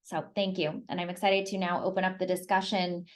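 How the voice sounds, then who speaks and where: A woman's voice: fairly low pitch, level tone, brisk. A woman presenting on an online group call, giving informal motivational advice and repeating phrases for emphasis. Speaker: presenter leading the discussion.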